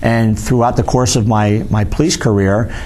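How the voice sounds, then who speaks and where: A middle-aged man from Albany talks in a somewhat low voice. He is a retired police sergeant in a casual interview, often restarting and repeating words as he goes. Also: fairly even intonation, normal speed, darkish tone. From Albany, New York.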